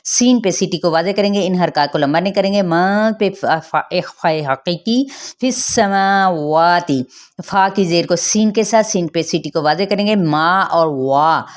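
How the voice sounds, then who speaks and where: A woman with a Pakistani Urdu accent teaching tajweed, explaining pronunciation rules step by step and reciting verses slowly. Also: mid-range voice, darkish tone.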